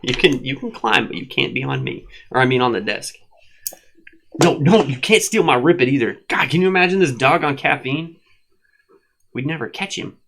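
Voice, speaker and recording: Bright-voiced man in playful banter. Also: medium pitch, very animated, normal speed, slight background noise. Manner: laughs often, playful, teasing. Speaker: co-host of a live online show. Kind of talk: casual banter. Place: at a desk at home with a dog.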